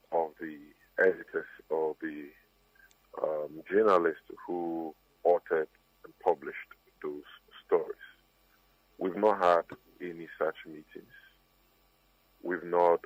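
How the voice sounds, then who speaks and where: A man, a party spokesman speaking in a measured, emphatic way, heard through a distorted, fuzzy phone line. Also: sits low, breathy edge, no room sound. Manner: measured, emphatic denial with pauses. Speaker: party communications officer.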